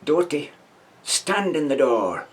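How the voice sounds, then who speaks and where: An elderly man voicing a male army sergeant giving curt, shouted orders at a jump door. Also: on the high side, big pitch swings, a little slow, a little hiss or hum, voice pushed up. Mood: barking orders.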